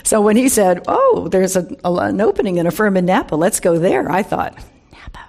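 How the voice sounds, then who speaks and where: An American woman in her seventies from the San Francisco Bay Area, a wine industry veteran, gives an informal, humorous talk to a live audience as a guest speaker. Her mid-range voice is sing-song, a little fast and slightly mellow, and she tells stories conversationally, stressing key words and dropping wry asides.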